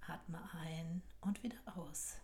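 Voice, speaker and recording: A woman guiding a relaxation hypnosis in a slow, soft, often whispered voice. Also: low voice, fairly even intonation. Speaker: hypnosis guide.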